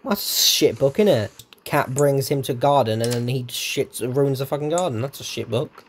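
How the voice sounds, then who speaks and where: A man doing let's-play commentary, excitable and swearing at the game while muttering to himself. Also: medium pitch, normal speed, a little hiss or hum. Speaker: gamer.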